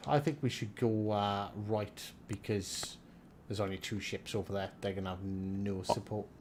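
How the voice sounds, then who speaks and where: A man's voice: lowish voice, fairly even intonation, normal speed, noisy background. A man in his thirties with a Welsh valleys accent, chatting casually and jokily on a gaming livestream, swearing freely. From South Wales valleys. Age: 30s. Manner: sweary, jokey. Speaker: live streamer and gaming video maker. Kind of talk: casual banter and game advice on a livestream.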